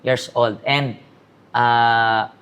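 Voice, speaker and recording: Very low-pitched woman pastor hosting a church interview, reflective and probing. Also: fairly even intonation, very slow, fairly bright tone, smooth, highs cut off. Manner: mixes English into questions, many "parang" fillers, rephrases the guest's answers back.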